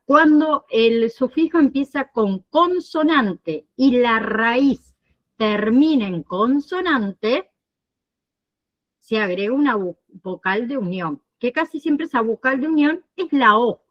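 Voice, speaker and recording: Slow, lively-pitched woman teaching a class. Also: highs cut off. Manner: explains slowly, checks understanding with frequent "¿sí?" and "¿bien?". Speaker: nursing instructor. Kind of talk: online class lecture.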